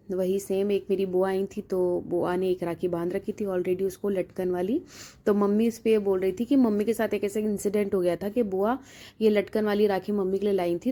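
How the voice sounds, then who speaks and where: A woman's voice: medium pitch, warm tone. A young woman from India narrating her family vlog in a chatty, teasing way and laughing often. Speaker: vlogger.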